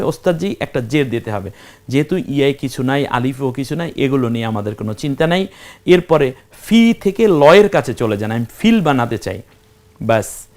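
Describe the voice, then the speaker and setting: A man teaches Quran reading in a step-by-step recitation lesson, asking questions and answering them himself while spelling out letters one at a time. His voice is medium in pitch with a darkish tone.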